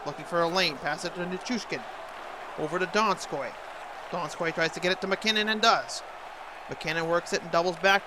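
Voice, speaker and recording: A man with a voice that sits high does amateur play-by-play for a hockey video game. He speaks in short, clipped phrases, imitating a sports announcer.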